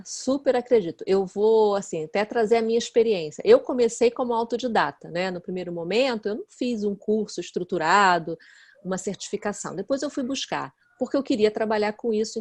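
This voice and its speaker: Earnest woman explaining at length. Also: a little high. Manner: earnest, explanatory, often adds a questioning "né?". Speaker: guest expert in nonviolent communication. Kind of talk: conversational explanation.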